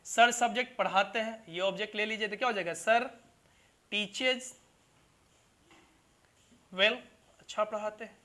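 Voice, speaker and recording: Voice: medium pitch, a little slow, pauses often, pushed and bright. An English teacher gives a classroom grammar lesson in front of a whiteboard. The teacher repeats each point and keeps checking with the students, calling them "babu" and "bhai". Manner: repetitive, keeps asking "clear?" and calls students "babu" and "bhai".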